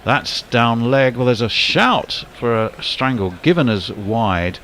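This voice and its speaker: Calling a cricket match live, this man has a mid-range, somewhat bright voice with lively intonation. He gives brisk ball-by-ball commentary, lifting his voice sharply whenever a big shot lands. A little hiss or hum can be heard.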